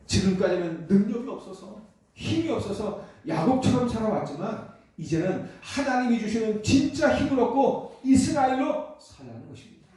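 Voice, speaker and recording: A man's voice: high-pitched, very animated, normal speed, warm tone. A man preaching a Sunday sermon in a church, asking the congregation questions and answering them himself. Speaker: pastor. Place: church sanctuary. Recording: echoey church hall from far off.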